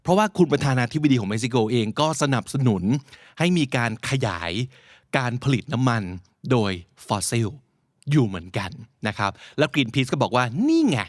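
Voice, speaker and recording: A man hosting a podcast, explaining English vocabulary from news headlines in a lively, playful way. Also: mid-range voice, moderate pace, dry recording, studio quality. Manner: lively, slips into playful put-on quotes.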